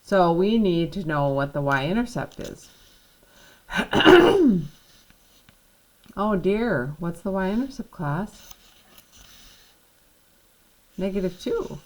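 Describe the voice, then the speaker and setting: A woman's voice: low-pitched, low-quality recording. A woman teaching a math lesson, patiently walking through each step and checking in with the class.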